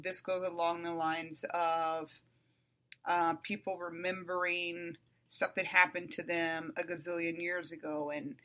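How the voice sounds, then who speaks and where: A woman's voice: fairly low pitch, fairly bright tone. A woman in her forties from the United States, hosting a podcast solo and talking bluntly, swearing freely and repeating phrases for emphasis. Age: 40s. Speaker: podcast host. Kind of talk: casual solo podcast monologue.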